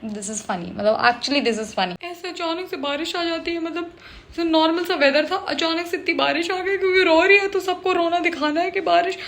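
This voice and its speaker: Woman reviewer, high voice, emotional, dramatic and repetitive, code-switching chat. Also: normal speed, a bit bright. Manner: emotional, switches between Hindi and English mid-sentence; dramatic, repeats herself for emphasis. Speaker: show reviewer. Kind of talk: casual reaction review.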